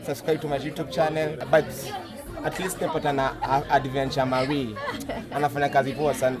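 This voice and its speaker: A young man with a Kenyan accent giving a playful shout-out at a campsite, mixing English and Swahili while hyping the viewers. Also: mid-range voice, little pitch movement, fairly quick. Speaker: fellow traveler and YouTuber. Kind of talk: casual vlog shout-out. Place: outdoors at a campsite shelter. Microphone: phone camera at arm's length. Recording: music and crowd noise behind. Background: music and people talking.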